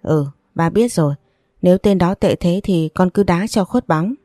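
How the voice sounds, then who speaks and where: Woman voicing older male boss, doting father, warm low tone. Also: normal speed, dry recording, studio quality, faint music behind, natural voice. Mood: indulgent. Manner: indulgent, fond.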